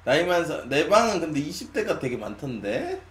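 A man's voice: on the high side, very animated. Rambling late-twenties man in an echoey room. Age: 20s. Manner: musing, slow and sighing, drifting between loud and soft. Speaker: live streamer. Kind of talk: casual late-night chat with viewers. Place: small room at a desk. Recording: echoey room, faint hum.

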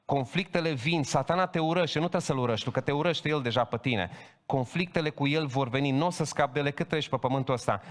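A man preaching a Pentecostal sermon, emphatic and building to loud proclaiming. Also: mid-range voice. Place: church hall. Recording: long hall reverb.

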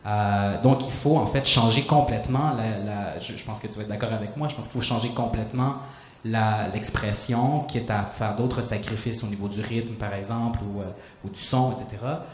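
On a small hall stage before an audience, a man in his thirties whose native language is Spanish speaks reflectively as an author on a panel, holding a handheld mic. His voice is on the low side at a moderate pace; he searches for words, restarts phrases and gestures as he explains. The recording has a roomy hall sound with faint noise.

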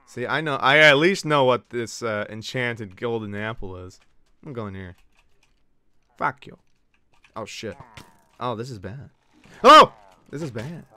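A man streaming live gameplay, talking in an unhurried drawl that leaps up into yelps and curses. His voice is bright and lively, swinging widely in pitch as he banters with his chat. The sound is close and dry. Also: no room sound. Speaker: Twitch streamer.

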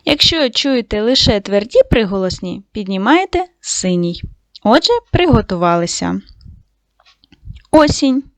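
A woman teaching a lesson to young schoolchildren, giving slow, clearly articulated instructions. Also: mid-range voice, animated, no room sound. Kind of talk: online lesson for young children.

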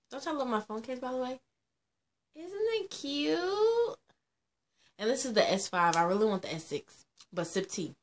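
A woman's voice: fairly low pitch, a little hiss or hum. Sassy, playful young woman vlogger. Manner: sassy, playful, laughs often, talks straight to viewers. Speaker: beauty vlogger. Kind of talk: casual chatty vlog.

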